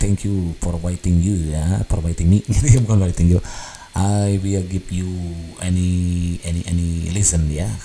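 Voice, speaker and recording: A chatty man reads viewer comments aloud, laughing often and slipping in English phrases. His voice sits low and very dark and mellow. A faint hiss of noise runs behind him. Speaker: channel host reading viewer comments. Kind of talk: casual chat reading comments.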